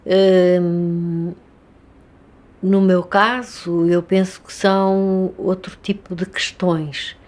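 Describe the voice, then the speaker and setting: An older Angolan woman with an Angolan Portuguese accent reflects slowly and hesitantly in a documentary interview, pausing often as she thinks. Her voice is fairly low, level, and somewhat dark.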